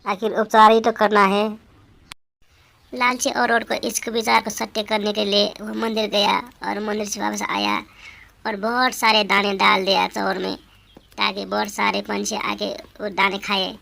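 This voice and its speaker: A woman narrating a children's story in a flat, repetitive telling. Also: mid-range voice, moderate pace, creaky.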